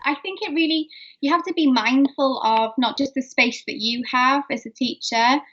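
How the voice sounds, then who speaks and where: A woman's voice: sits high, moderate pace, a bit bright. A middle-aged woman with a South Wales valleys accent, chatting casually as an interview guest over lo-fi audio. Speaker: podcast guest, dance teacher and coach. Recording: dull lo-fi call audio.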